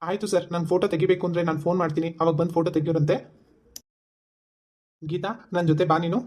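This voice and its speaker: A man voicing a young lover in an animated comedy who talks to his girlfriend in a teasing, insistent way. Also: fairly high pitch, rapid-fire, natural voice.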